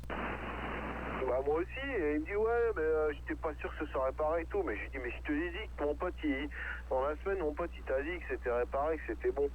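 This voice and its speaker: Over a tinny, narrow amateur radio link with a little background noise, a man speaks in a somewhat high, animated voice at a brisk pace. He is a hobby operator rambling colloquially in casual conversation.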